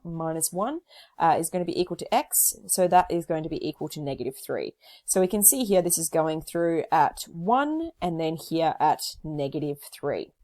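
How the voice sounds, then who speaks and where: A woman teaching a maths lesson, talking through each step of her working aloud in a casual way, her voice a little hoarse. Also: on the low side, mellow. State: slightly hoarse. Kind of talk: recorded whiteboard lesson.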